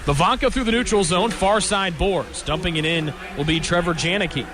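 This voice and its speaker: A high-pitched, brisk male announcer calls a live hockey game on radio from the arena, with a noisy background. He describes the play in quick, clipped fragments.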